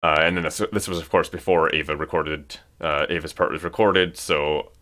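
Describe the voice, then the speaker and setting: A man's voice: rumbling low, fairly even intonation, moderate pace, pushed and bright, a little hiss or hum. A man giving casual commentary on his own music project, rambling with many restarts and hesitations. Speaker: music creator.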